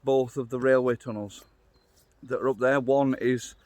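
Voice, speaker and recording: A man's voice: medium pitch, fairly even intonation, normal speed, dry recording. A middle-aged man with a Yorkshire accent, narrating a casual walking vlog outdoors into a handheld phone in a chatty, down-to-earth way, thinking aloud. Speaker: vlogger, walking guide. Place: outdoors on a wooded trail. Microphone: phone held at arm's length.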